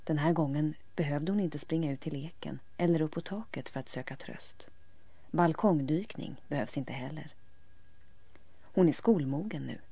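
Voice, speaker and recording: A woman narrating a story calmly, often trailing into soft whispers at the ends of lines. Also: low-pitched, gravelly, slightly rough, dry recording. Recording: dull lo-fi recording.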